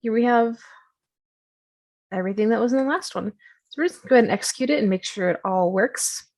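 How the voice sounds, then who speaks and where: Fairly high-pitched and fast-talking, this woman breezes through a software tutorial shown on her screen. She's chatty, self-deprecating, and heavy on filler words.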